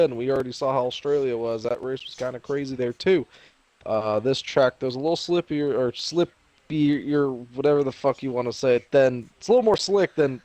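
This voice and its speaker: A man's voice: medium pitch, a little mellow, dry recording. A man hosting an esports racing stream, upbeat and loose, joking and swearing casually. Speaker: esports racing commentator, host. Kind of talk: casual broadcast commentary.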